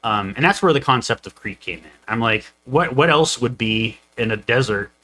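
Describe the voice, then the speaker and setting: Bright-voiced man rambling about his campaign. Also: medium pitch, animated, normal speed, rough recording. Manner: rambling, many fillers and restarts. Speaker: co-host, game master. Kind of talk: casual podcast chat.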